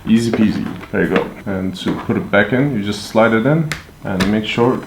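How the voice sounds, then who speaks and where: A man with a lowish voice, speaking at a moderate pace, walks through a product casually as a reviewer doing an unboxing and hands-on demonstration. He's offhand and informal, thinking aloud as he handles the items, recorded in an echoey room with handling clicks and noise.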